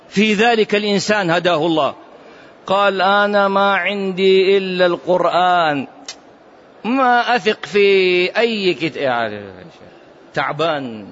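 A man teaching a religious class, quizzing his students with animated, mocking asides. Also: on the high side, highs cut off, a little hiss or hum. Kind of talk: classroom lesson.

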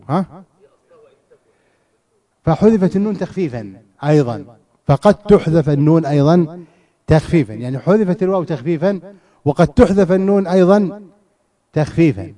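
A man's voice: on the high side, warm tone. A man teaching a classroom lesson on scripture and grammar. He asks his students questions, repeats phrases and often restarts his words. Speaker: teacher of Quranic exegesis and grammar.

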